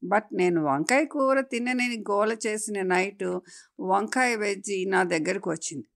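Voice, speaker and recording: Woman as a gentle storytelling mother. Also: medium pitch, unhurried, lightly acted. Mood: coaxing. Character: warm mother telling a bedtime story.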